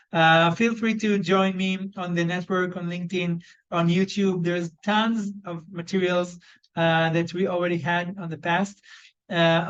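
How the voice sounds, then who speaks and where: A man with an Israeli accent and a fairly high, fairly bright voice leads a live online job search training. His delivery is loose and conversational, packed with ums, restarts and self-corrections. The video call audio sounds slightly dull.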